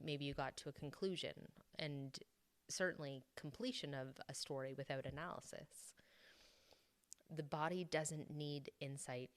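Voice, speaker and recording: Low-voiced woman hosting a podcast. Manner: calm, explanatory, speaks of her own sobriety. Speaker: podcast host. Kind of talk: solo podcast monologue.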